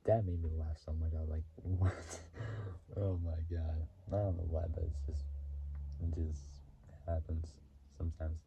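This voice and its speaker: A young man talking casually to his channel, rambling through fillers, giggles and throat clearing as he explains a movie. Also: very deep voice, little pitch movement, normal speed, noisy background. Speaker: YouTuber. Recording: dull lo-fi sound.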